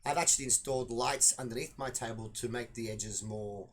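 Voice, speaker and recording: A man doing casual, joking commentary on a pool match, laughing often and getting excitable. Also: mid-range voice, fairly quick, a little hiss or hum.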